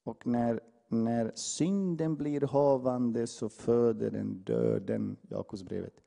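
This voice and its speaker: A male preacher delivers an impassioned sermon in a dark, mellow voice. He pushes hard on his calls to the congregation, then drops low for quiet asides. His carries a slight edge. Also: vocal fry. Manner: impassioned, swings from loud exhortation to hushed asides.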